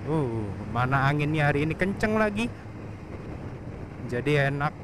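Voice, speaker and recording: Young guy motovlogging on his bike, a bit high voiced, chatty, faint wind and traffic behind. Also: animated, moderate pace. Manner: chatty, laughs often, talks about himself in third person. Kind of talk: casual riding commentary. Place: on a motorcycle on an open road outdoors.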